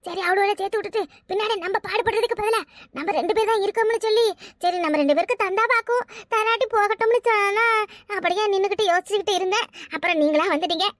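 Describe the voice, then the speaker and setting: Lady voicing a loud boastful village woman in a cartoon, squeaky high and sharp, dry sound. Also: quick pace, no room sound. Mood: pleading. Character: Thangamayil, brash quarrelsome village woman. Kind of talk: cartoon voice acting.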